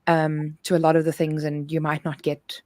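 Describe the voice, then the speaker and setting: Low-voiced woman giving casual advice. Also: completely flat delivery, normal speed, warm tone, no echo, studio quality. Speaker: livestream host reading out viewer questions.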